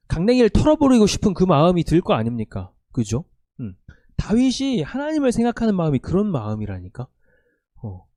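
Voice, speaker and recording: Male youth pastor, high-pitched, conversational sermon, dry room. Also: no echo. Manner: animated, conversational, asks the listeners questions.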